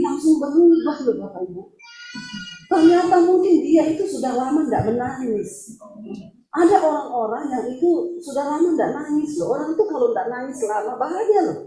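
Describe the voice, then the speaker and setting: A woman pastor with a high voice preaches to her congregation. She tells a story with lively humor and laughs often. Her voice rings out in an echoey church room. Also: normal speed. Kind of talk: sermon storytelling.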